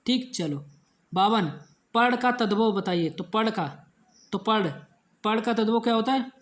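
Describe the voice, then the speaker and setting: Speaking at a measured pace in a medium pitch, this online exam-prep teacher keeps repeating key points and testing the listeners. Letters and answer choices get counted aloud as the class goes on.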